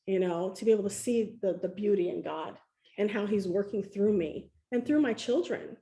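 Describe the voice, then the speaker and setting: A woman's voice: mid-range voice, moderate pace, dark tone. A woman telling her story over a video call in an effusive, emotional way, with many fillers. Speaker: guest sharing her story. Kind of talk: casual video-call chat.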